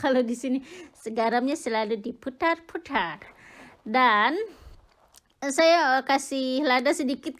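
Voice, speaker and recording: Giggly middle-aged woman cooking vlogger. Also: on the high side. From Indonesia. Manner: chatty, giggly, many fillers. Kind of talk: casual cooking vlog chat. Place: home kitchen.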